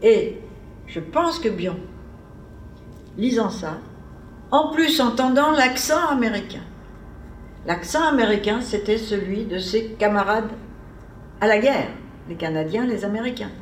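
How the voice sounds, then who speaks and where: Slightly high and lively in intonation, her voice is unhurried and she pauses often during a casual academic seminar talk. She wanders conversationally as if thinking aloud; the seminar room is echoey, the mic far off, with a little hiss or hum.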